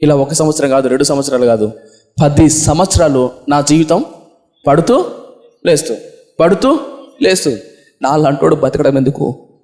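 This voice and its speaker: A man voicing a remorseful young believer who confesses in a low, broken, pleading way. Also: quick pace, close to an everyday voice. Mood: despairing. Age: young adult. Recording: echoey room.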